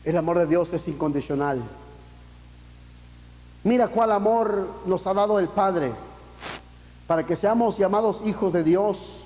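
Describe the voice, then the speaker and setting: A man's voice: high voice, unhurried, long pauses, mellow. A man preaching a sermon as pastor, impassioned, with emphatic peaks and rhetorical questions, dropping casual English phrases into his talk. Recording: long echo of a church hall.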